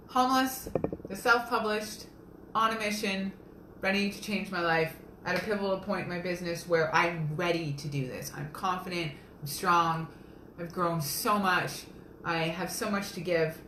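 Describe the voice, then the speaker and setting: A young woman talks to her viewers on a live video, rambling and upbeat about her romance novels. Her voice is bright and forward. It bounces around an echoey kitchen, with a faint hum of room noise behind her. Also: fairly low pitch, normal speed. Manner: chatty, rambling, earnest and upbeat. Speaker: self-published romance author. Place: home kitchen.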